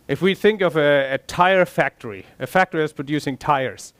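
A man's voice: a little high, moderate pace, no echo. A middle-aged man from Denmark, an agile coach, speaking on a conference stage in a conversational way with fillers and restarts. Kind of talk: conference talk. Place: large conference hall stage.

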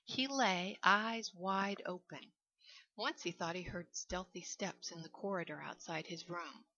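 Low bright-voiced woman reading. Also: a little slow. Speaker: reader. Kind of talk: reading a short story aloud. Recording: dull lo-fi recording.

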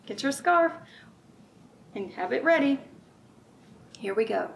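In a library room with bookshelves, a middle-aged librarian hosts a children's read-aloud, her high-pitched voice lively in intonation, slow, and touched with vocal fry. She keeps her wording simple and asks the children frequent easy questions. A distant mic leaves room noise audible.

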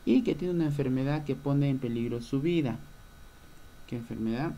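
A man's voice: medium pitch, moderate pace, dark tone, dull audio. A male schoolteacher giving a recorded lesson, patiently explaining and answering his own questions. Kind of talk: recorded online class lesson.

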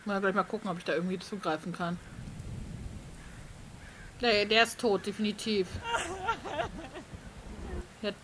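A woman's voice: medium pitch, steady tone, unhurried, pauses often, background noise. Chatty woman gaming. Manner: chatty, musing aloud. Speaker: let's play host. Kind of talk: casual gameplay commentary.

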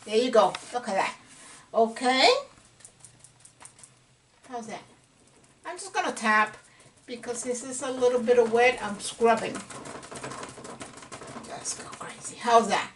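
A middle-aged painting instructor speaks a little slowly with long pauses, her voice on the high side. She keeps her casual lesson encouraging and chatty, dropping to a whisper now and then as she paints, recorded on a distant camera mic with faint room noise.

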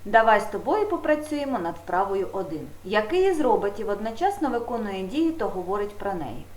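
A woman teaching a grammar video lesson to young pupils, speaking slowly and emphatically straight to the children. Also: mid-range voice, big pitch swings, a little mellow. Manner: slow, emphatic, addressing children directly. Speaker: primary school teacher. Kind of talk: video lesson for fourth graders. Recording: echoey room.

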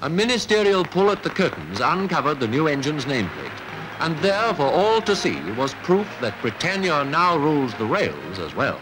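A man, narrating a 1950s newsreel in a crisp, declamatory announcing manner. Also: fairly high pitch, huge pitch swings, normal speed, background noise.

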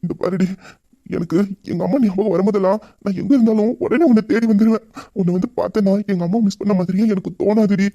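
Loving young husband voiced by a man, Tamil accent, quick, dark, close dry mic, romantic audio drama. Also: high-pitched, fairly even intonation, no room sound, muffled recording. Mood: tender. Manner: intimate, heartfelt, rapid talk. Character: grieving young husband Veera, loving and tender.

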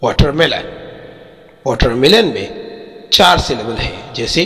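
Male teacher, Pakistani accent, very slow deliberate lesson delivery in a reverberant room. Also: mid-range voice, sing-song, sharp tone. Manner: slow, drawn-out word-by-word explanation. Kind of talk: textbook lesson walkthrough.

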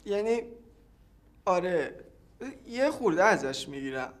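A man's voice: sits high, expressive. An actor playing an evasive man being questioned, who answers hesitantly and backtracks.

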